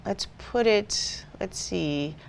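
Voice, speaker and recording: A woman instructor calmly explaining audio editing steps in a screen-recorded software tutorial. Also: medium pitch, slow, gravelly. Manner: patient step-by-step explaining.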